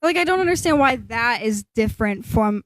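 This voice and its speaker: A woman co-hosting a podcast in casual chat, quick to agree and to throw in questions. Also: on the high side, lively intonation, dry recording. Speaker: podcast co-host.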